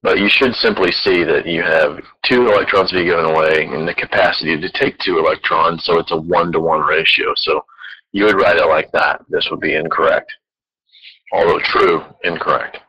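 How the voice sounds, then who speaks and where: Male teacher, low husky voice, bright edge, dull lo-fi recording. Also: fairly even intonation, normal speed. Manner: patient, step-by-step explaining. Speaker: chemistry teacher. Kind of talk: recorded classroom lecture.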